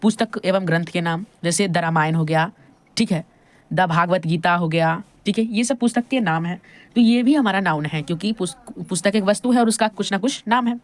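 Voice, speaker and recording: A woman's voice: on the low side, brisk. A woman with an Indian accent explaining a grammar lesson, checking in with the viewer as she goes and asking questions she then answers herself. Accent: Indian English. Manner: repeats "thik hai" and asks questions to the viewer. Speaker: English grammar teacher.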